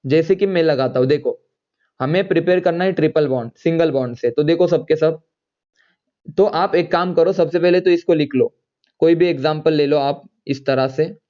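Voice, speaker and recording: A man teaching an online chemistry class, repeating points and firing quick questions at his students. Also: a little high, a little mellow, muffled recording.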